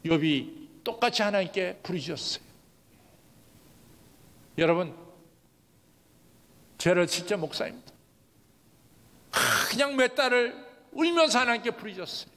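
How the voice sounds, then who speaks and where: A man's voice: high voice, fairly bright tone. A male pastor preaching a sermon, telling a story with emotion in short, dramatic phrases. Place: large church event hall. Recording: long hall reverb at a church gathering.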